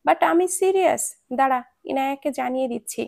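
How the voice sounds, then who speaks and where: A woman's voice: high-pitched, normal speed, creaky, darkish tone. Woman reading as a teasing young man.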